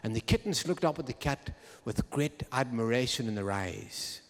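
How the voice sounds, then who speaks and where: A man's voice: mid-range voice, lively intonation, moderate pace. A man, hosting a live music show and telling a comic story to the audience with droll timing. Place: live concert hall. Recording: long hall reverb from a live venue.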